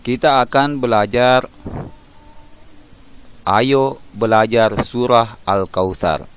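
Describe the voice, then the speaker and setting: A man teaching young children a religion lesson, patiently explaining step by step and chanting verses in a drawn-out reciting tone. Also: medium pitch, steady tone, a little hiss or hum.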